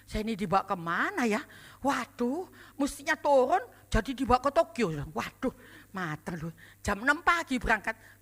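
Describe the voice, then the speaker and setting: An older woman, a pastor, preaching a sermon full of lively personal stories, exclamations and laughter. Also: fairly high pitch. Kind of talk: storytelling sermon.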